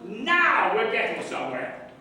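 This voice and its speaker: A man's voice: very high voice, wildly swooping pitch, unhurried, sharp tone, a little hiss or hum, heavily acted. A man playing a pompous detective on stage, lecturing and commanding the suspects. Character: pompous male detective running a murder inquiry. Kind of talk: stage play acting. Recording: echoey stage from far off, faint ambience.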